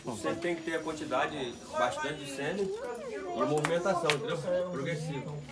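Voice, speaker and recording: A man's voice: fairly high pitch, normal speed. A man, a veterinarian, explaining things plainly outdoors. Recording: far from mic, loud outdoor noise.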